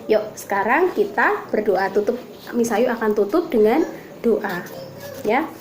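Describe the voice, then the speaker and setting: A woman teaching Sunday school, telling a story to children in a lively way and asking them questions. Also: a little high, measured pace, soft background music. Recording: echoey room with faint noise.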